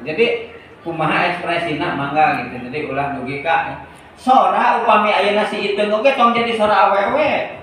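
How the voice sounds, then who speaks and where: A man's voice: high voice, moderate pace, fairly bright tone. Man, workshop teacher, casual chuckling explanations, echoey room, distant mic, faint noise. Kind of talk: workshop instruction.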